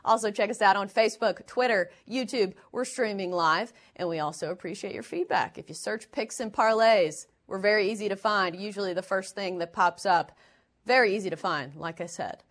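A woman's voice: medium pitch, moderate pace. A woman hosting a sports betting talk show on the radio. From lived in Florida.

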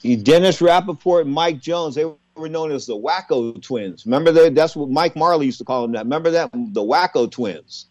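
A man in his sixties hosting a radio talk show, chatty and animated as he tells stories and asks questions. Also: on the high side, normal speed, hardly any pauses, no echo, low-quality recording. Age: 60s.

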